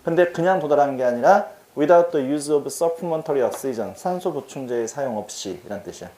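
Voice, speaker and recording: A man's voice: medium pitch, animated, normal speed, dark tone, reverberant. A man teaching English vocabulary in a casual exam-prep lecture. He talks in a chatty, slangy way and keeps asking his students questions.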